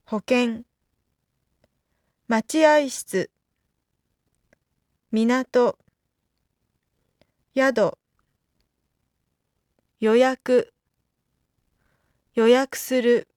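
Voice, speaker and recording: A woman reading out lesson vocabulary carefully, one isolated item at a time with pauses between. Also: fairly high pitch, a little mellow, dry recording, clean studio sound. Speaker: Japanese vocabulary reader. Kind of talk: scripted word-list reading for a language lesson.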